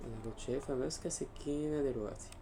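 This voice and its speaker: A man's voice: mid-range voice, rapid-fire, warm tone, slight background noise. A man with an Egyptian accent giving let's-play commentary on a horror game, full of jittery, nervous exclamations. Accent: Egyptian Arabic. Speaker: gaming YouTuber.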